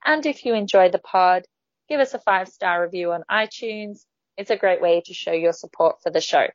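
A woman's voice: lowish voice, normal speed, no echo. A woman hosting a casual podcast, talking in a chatty way with frequent ums and restarts. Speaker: podcast host. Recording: dull, lo-fi dry sound.

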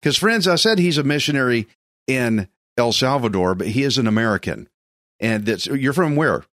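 Hosting a faith talk show, a man interviews a guest in an encouraging, affirming way. His mid-range voice is expressive and fairly bright, at a moderate pace, recorded at studio quality with no room sound.

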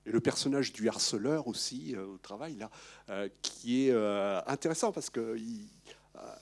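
A man asking an interviewer's questions in a mid-range voice. He feels his way through each question, stumbling over repeated words and pausing to hunt for the right phrase. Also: mid-range voice, expressive. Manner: hesitant, halting with repeated words.

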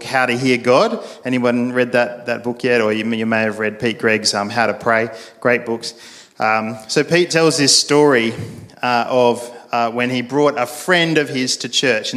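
A man's voice: mid-range voice, a bit bright. A male pastor, giving a sermon in a casual storytelling way, with frequent fillers and restarts.

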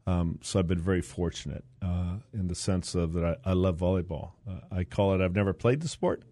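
A low-voiced older man speaks as a guest in a relaxed interview, close to the mic in a dry room. He wanders through his stories, full of fillers and restarts. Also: brisk, no echo. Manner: rambling storyteller, many fillers and restarts. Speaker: interview guest, university board president. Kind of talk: casual interview chat.

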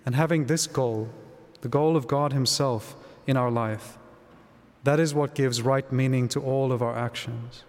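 A priest speaks in a calm, measured voice of middling pitch, reading scripture and preaching at Mass. Every phrase trails off into the long, hanging reverb of a large church, as if heard in a cathedral. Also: male voice. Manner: calm and measured, with some restarts in the homily. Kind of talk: gospel reading and homily at Mass.

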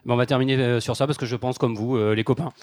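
A man hosting a family culture radio magazine, lively and quick to laugh. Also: medium pitch, noisy background. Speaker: radio show host.

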